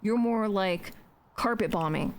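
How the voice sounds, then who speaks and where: A woman's voice: mid-range voice, measured pace. Chatty young woman streamer, swearing freely. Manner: chatty, joking, swears freely, talks to herself. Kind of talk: casual live-stream chatter while building in a game.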